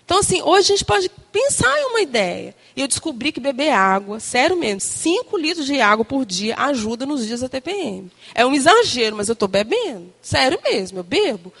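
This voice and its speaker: Woman, young adult, high voice, casual animated church talk to women. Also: a little fast, gravelly, hardly any pauses, breathy edge. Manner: chatty and animated, tag questions and quoted asides. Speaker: church speaker addressing women. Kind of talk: informal sermon talk to a congregation.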